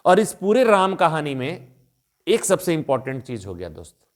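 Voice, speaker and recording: A man's voice: a little high, huge pitch swings, moderate pace. A man teaching a spoken English lesson in a chatty, coaxing way, often calling to his viewers as friends. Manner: chatty, repeats a friendly term of address.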